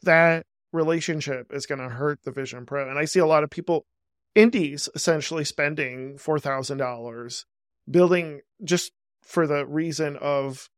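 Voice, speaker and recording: Male host, slightly high smooth voice, relaxed sarcastic chat, dry close mic. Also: no room sound. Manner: conversational, quick asides, self-aware sarcasm. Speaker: podcast host. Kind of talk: casual podcast conversation.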